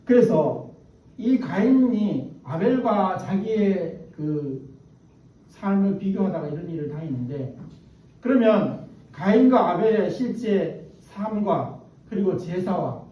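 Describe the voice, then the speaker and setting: Pastor preaching in a booming echoey hall. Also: male voice, animated, unhurried. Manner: storytelling, asks the congregation questions. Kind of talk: sermon. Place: church sanctuary. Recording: echoey hall, distant dull mic.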